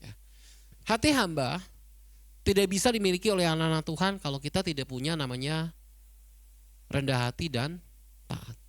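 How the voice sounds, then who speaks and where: A man's voice: a little high, moderate pace, pauses often, dry recording. A man preaching a sermon in a conversational way, often speaking to the congregation directly and tagging lines with a friendly "ya". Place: multipurpose hall on the ground floor of an apartment tower.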